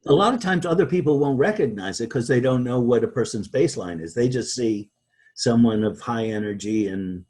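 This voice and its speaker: Husky-voiced man, halting guest. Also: mid-range voice, a little mellow. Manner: halting, many restarts and repeated words. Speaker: interview guest, author. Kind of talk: conversational interview.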